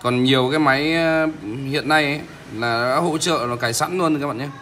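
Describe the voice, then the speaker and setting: Male phone-demo host, casual, halting delivery, bright tone, slight noise behind. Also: a little high. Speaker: tech vlogger, host. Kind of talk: casual phone app demonstration.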